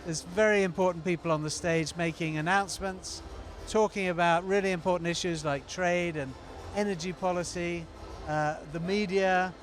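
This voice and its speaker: High-voiced man chatting in a rambling way. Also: fairly even intonation, normal speed, soft background music. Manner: rambling, many fillers and restarts. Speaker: event organizer and former TV producer. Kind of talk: casual live stream chat.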